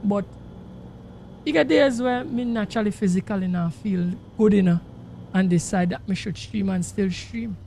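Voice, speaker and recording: A Jamaican man livestreams a truck sim and speaks directly to viewers, his voice high for a man but full of gravel and a little mellow. He talks at normal speed, casually and emphatically, repeating himself, while the game's engine noise makes the recording noisy.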